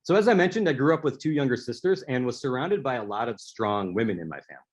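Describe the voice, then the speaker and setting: A man's voice: mid-range voice, lively intonation, quick pace. A man speaking as an author, giving a prepared talk and telling stories, with a few restarts. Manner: storytelling, with some restarts. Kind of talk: prepared speaker-series presentation.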